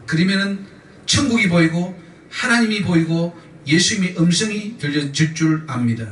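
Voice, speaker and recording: A man's voice: sits high, animated, moderate pace, fairly bright tone. Male pastor, sermon, emphatic and repetitive, distant mic, faint hum behind. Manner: emphatic preaching with repetition and call-and-response. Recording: echoey church sound from a distant mic.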